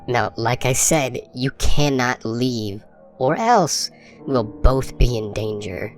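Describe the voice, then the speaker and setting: A frightened young man, voiced by a male narrator, raised in pitch and shaky, with a panicky edge. Soft music sits low behind him. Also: animated, slow. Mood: warning. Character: frightened young man leading a ritual game.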